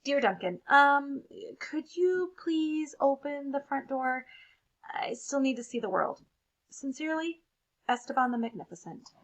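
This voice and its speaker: A woman's voice: high voice, lively intonation, measured pace, rough recording. A woman voicing a pompous, adventure-seeking green crayon with grand, theatrical storybook delivery. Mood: sheepish. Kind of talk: expressive picture-book read-aloud.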